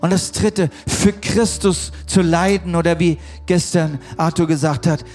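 A man preaching a sermon to a congregation, emphatic and repetitive, dropping at times to quiet, intense tones. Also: on the high side, fairly even intonation, a little slow, soft background music. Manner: emphatic, repeats key words, drops to quiet intense tones.

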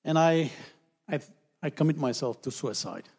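A man's voice: fairly high pitch, animated, darkish tone, slightly rough. Man preaching in short, plain phrases. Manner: short phrases, pausing for the interpreter, rising to calls to the congregation. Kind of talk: sermon testimony in English, interpreted line by line.

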